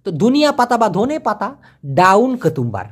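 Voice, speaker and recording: A man teaching vocabulary in a casual lesson, explaining each word with everyday examples and repeating pronunciations slowly. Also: high-pitched, very animated, husky. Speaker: language teacher.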